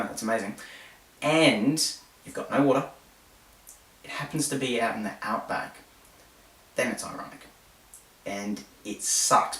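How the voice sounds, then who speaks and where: A man hosts a casual explainer, joking and rambling as he goes and poking fun at himself. He sits some way back from the mic in a roomy, echoing space. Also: mid-range voice. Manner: playful, rambling, self-mocking, animated storytelling. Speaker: host. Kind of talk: jokey explainer monologue. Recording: roomy echo, distant mic.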